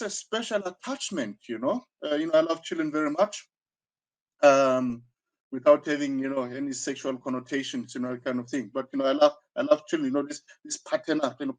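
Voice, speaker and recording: A sixty-year-old karate teacher, born in South Africa and living in Zambia, talks reflectively as an interview guest in a southern African accent. His fairly high-pitched delivery is halting and searching, full of repetitions and "you know." The recording is rough.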